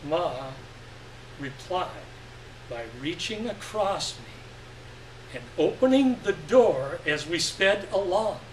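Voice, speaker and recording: At a live stage event, a man gives a dramatic reading of literary fiction to an audience, his phrasing deliberate and expressive. His voice is fairly high and very unhurried, caught by a distant mic in an echoey room with faint noise.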